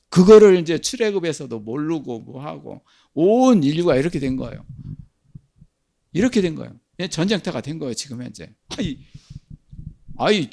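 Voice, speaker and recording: A man's voice: on the high side, vocal fry, darkish tone. An older man preaching a sermon as pastor, asking and answering his own questions.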